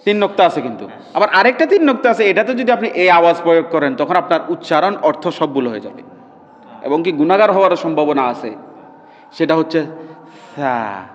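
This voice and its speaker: High-voiced man teaching recitation. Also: lively intonation. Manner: keeps checking the class understands, drawls demonstration sounds slowly. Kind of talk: classroom pronunciation lesson. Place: classroom with students. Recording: dull, reverberant hall recording.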